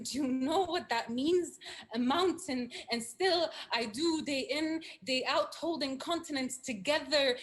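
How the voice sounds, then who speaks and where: A woman's voice: sits high, fairly bright tone. Earnest woman reading spoken word poetry. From Syria. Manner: earnest, measured, with dramatic repetition. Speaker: poet. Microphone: video call.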